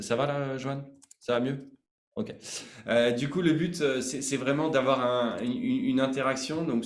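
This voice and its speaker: A man's voice: medium pitch, echoey room. A man hosting a live online sales training, chatty and informal, hesitating often with fillers.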